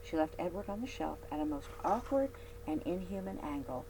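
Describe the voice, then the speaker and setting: A library read-aloud host with a low voice reads a storybook script fairly quickly. Her expressive delivery leans hard on key words, and the rough recording has a steady, clear hum and noise underneath.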